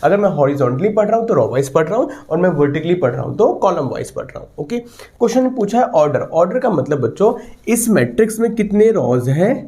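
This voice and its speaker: A man's voice: high voice, quick pace. A man teaching a maths lesson to students, talking them through each step and often checking with them. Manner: animated, repeats "ठीक है" and asks students questions. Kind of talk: online maths lesson in Hindi mixed with English.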